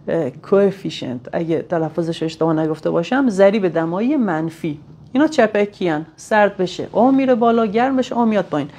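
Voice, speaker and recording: A woman's voice: medium pitch, a little mellow. A woman giving a hands-on technical tutorial, explaining each step plainly and thinking aloud as she works. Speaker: technician demonstrating sensor tests.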